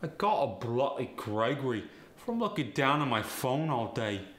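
With a natural, medium-pitched voice, a man voices a cheeky Cockney bloke from the working class, speaking example sentences for a slang lesson at a moderate, sing-song pace. The Cockney delivery is punchy and colloquial; the recording has roomy echo and slight background noise.

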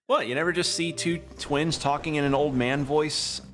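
A man's voice: on the high side, steady tone, normal speed, a bit bright. A young man chatting casually while streaming a video game, rambling and often correcting himself, with some swearing. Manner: rambling, self-correcting, profane. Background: game music.

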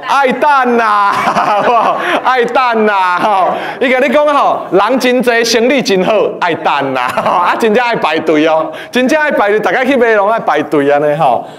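A man teaching a class, lively and playful, often quizzing his students. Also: sits high, normal speed, hardly any pauses. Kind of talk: lecture to a class.

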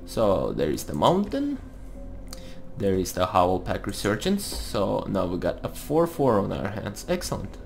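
A man's voice: on the low side, huge pitch swings, measured pace, creaky. A man giving casual gameplay commentary, thinking aloud as he plays. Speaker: host of a card game let's play series. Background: music.

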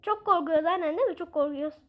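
Woman gamer, very high voice, chatty and excitable let's-play commentary. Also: rapid-fire, phone-quality sound. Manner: excitable, chatty, exclaiming, scolding the game aloud. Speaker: gaming video creator.

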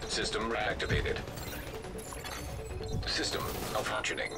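A man voicing a game's male AI system with a metallic cyborg effect, giving clipped, monotone status alerts. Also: on the low side, takes it slowly, gravelly, heavily acted. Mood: flat. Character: male AI system voice of a tactical game, clipped and emotionless. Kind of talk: in-game system announcements. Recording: game audio with loud music and gunfire.

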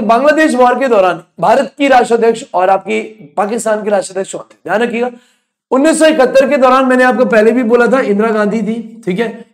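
A man coaches students for a railway exam in an online lecture. His voice sits high for a man. He fires questions at the class, answers them himself and scolds bluntly when students drift. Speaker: exam-prep teacher.

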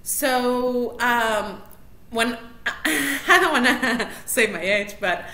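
A bright, middle-aged woman from Mexico City speaks a little high and draws out her words. She's a matchmaker chatting casually as an interview guest over a video call from a small indoor room, and the audio is roomy and noisy.

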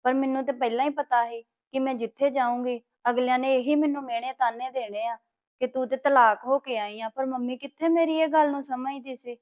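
A woman's voice: high voice, fairly even intonation, brisk. A woman playing a young wife who narrates and answers patiently in a family drama. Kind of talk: amateur family drama acting. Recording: thin phone-like sound.

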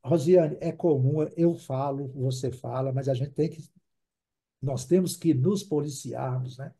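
A man's voice: medium pitch, measured pace, dark tone, slightly rough. A man teaching an online English class in Portuguese, patiently repeating words for drills and checking in with the class.

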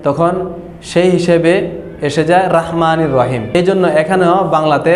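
A man's voice: fairly high pitch, fairly even intonation, darkish tone. Man teaching in an echoey room. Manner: slow, repetitive explanation, drawn-out letter sounds. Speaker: Quran reading teacher. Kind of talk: online recitation lesson. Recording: echoey room with long reverb.

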